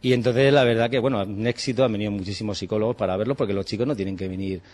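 A man's voice: lowish voice, fairly even intonation, racing, darkish tone. A man in his forties from Spain, a chef and cooking teacher, talking casually and animatedly, acting out bits of dialogue and swearing in passing. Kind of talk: casual interview talk.

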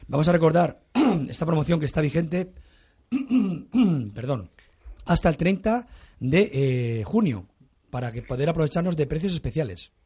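A man's voice: a little high, big pitch swings, normal speed, long pauses, husky. A man hosting a radio show, chatting with guests and giving household tips in a rambling, talkative way. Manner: chatty, rambling, warm-hearted repetitions. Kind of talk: lively radio chat and home tips. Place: radio studio.

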